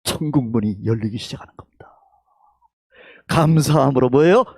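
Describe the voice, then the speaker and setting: A male pastor with a Gyeongsang accent preaching a Sunday sermon in a church, with emphatic calls that drop to hushed whispers, leading the congregation to repeat his words. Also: mid-range voice, normal speed, breathy edge, no echo, clean studio sound. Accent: Gyeongsang Korean. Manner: leads the congregation in call-and-response. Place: church sanctuary.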